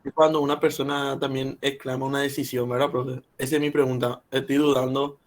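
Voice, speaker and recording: A man's voice: medium pitch, little pitch movement, fairly quick. A man taking part as a student in an online class, asking his teacher polite, hesitant questions. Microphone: video call.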